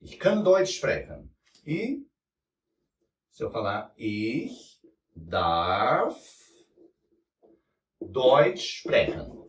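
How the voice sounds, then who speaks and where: A man teaching German in a lesson, explaining slowly and checking in with the class as he writes on a board. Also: mid-range voice, huge pitch swings, lo-fi sound. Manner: explains slowly, spelling out German forms, with frequent "né?" and "tá?". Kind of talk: whiteboard language lesson. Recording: roomy sound from a distant mic.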